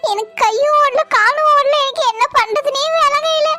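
Very high-voiced woman. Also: normal speed, bright, forceful tone. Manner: pleading, wheedling, theatrical. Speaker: comedy sketch performer. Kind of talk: village comedy skit acting.

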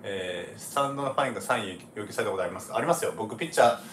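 A lowish male voice rattles along at a quick clip, easygoing and chatty, with frequent laughs as he answers viewer comments. The sound is roomy and echoey, with a faint hum of background noise behind him. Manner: relaxed, chatty, laughs often, frequent ね fillers. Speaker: livestream host, former baseball pitcher. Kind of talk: casual live chat reading viewer comments.

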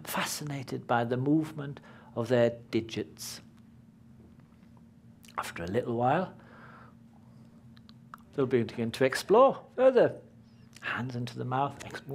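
Softly whispering British man teaching. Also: medium pitch, slight background noise. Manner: slow, emphatic, often dropping to a whisper. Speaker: spiritual teacher giving a seminar. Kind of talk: live workshop talk.

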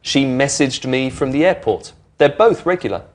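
A middle-aged male teacher presents an English lesson in an indoor studio with brick walls. His medium-pitched voice moves at a moderate pace with lively intonation, and he explains things in a clear, patient, friendly way.

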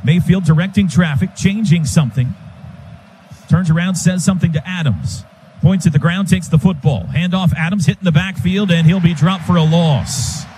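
This American radio play-by-play man has a high-sitting voice and a moderate pace as he calls a live football game. Clipped phrases build into excited calls that rise with the action, and the broadcast is backed by loud stadium ambience.

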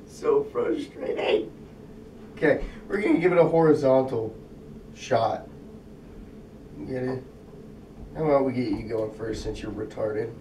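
A man's voice: medium pitch, normal speed, long pauses, noisy background. A young man in casual vlog talk, frustrated and swearing under his breath as he tries a trick over and over. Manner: frustrated, swearing, talking to himself while attempting a trick. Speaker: vlogger. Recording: roomy, distant camera sound.

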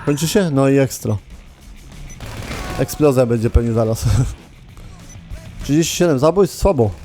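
A man's voice: mid-range voice, lively intonation, a little slow, warm tone, soft background music. A man hosting a gaming channel, giving casual gameplay commentary, chatting to his viewers and swearing often.

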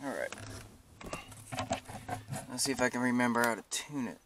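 At a normal speed and medium pitch, a middle-aged vlogger narrates a casual how-to on his truck project. The footage is shot outdoors near the vehicle in a residential yard with a handheld camera mic at arm's length, producing a clearly noisy recording with clicks.

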